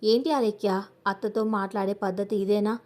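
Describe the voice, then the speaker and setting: A woman's voice: medium pitch, fairly even intonation, normal speed, a little mellow, natural voice. A woman narrator voicing an arrogant, wealthy, scheming middle-aged aunt who talks down to others and threatens them. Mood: haughty threats. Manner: haughty, threatening.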